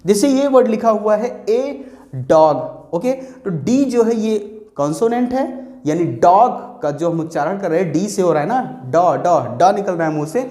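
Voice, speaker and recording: A male teacher walks through a grammar lesson step by step, repeating points and answering his own questions. His voice sounds dark and mellow. The room around him echoes. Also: high-pitched, expressive, normal speed. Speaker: English teacher.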